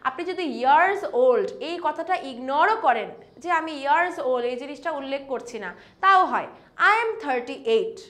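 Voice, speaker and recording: A young woman with a Bangladeshi accent teaching spoken English online, mixing Bengali explanations with slow, carefully spoken English example sentences. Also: high voice, a bit bright. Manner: mixes Bengali with English, reads English examples slowly and deliberately. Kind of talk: online lesson.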